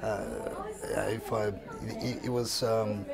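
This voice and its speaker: A man speaking haltingly with many uhs in a street interview. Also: lowish voice, little pitch movement. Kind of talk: vox pop interview. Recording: street crowd noise behind.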